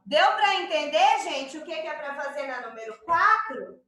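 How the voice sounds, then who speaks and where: High, bright Brazilian teacher in an echoey room. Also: female voice, moderate pace. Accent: Brazilian Portuguese. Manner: patient, checks understanding with the children often; refers to herself as "tia" to the kids. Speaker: primary school teacher. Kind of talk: remote lesson explaining a workbook exercise.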